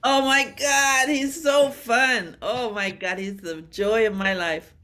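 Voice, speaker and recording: A woman's voice: fairly high pitch, fairly even intonation, slow pace, sharp tone. A woman in her seventies from Washington state, a percussionist guest chatting animatedly over a video call and laughing often. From Washington state, USA. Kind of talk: casual interview chat.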